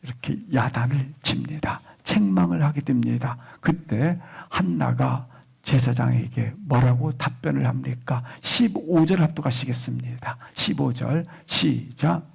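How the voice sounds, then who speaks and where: A male pastor preaching a Sunday sermon. He leans hard on key words, drawing them out slowly, then lets phrase endings drop almost to a whisper. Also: medium pitch, creaky, breathy edge. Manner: swings between loud emphatic stresses and phrase endings dropped to a whisper; slow, drawn-out stress on key words.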